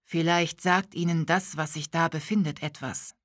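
A woman voicing a kindly, mysterious old man who speaks slowly and thoughtfully. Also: deep voice, fairly even intonation, a bit bright, no room sound, clean studio sound. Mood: quietly urging. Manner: slow, thoughtful delivery.

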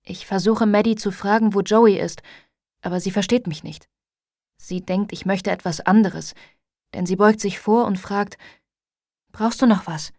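A woman's voice: medium pitch, steady tone, darkish tone, no room sound. Woman narrating an audiobook, dry studio. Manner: measured, introspective first-person narration. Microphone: close studio mic.

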